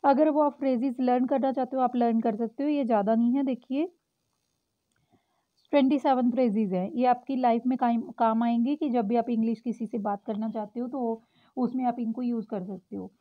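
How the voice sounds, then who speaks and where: A woman with a fairly high voice teaches English to Hindi speakers. She explains patiently and reads example phrases out slowly. The sound is thin and tinny, like a phone line.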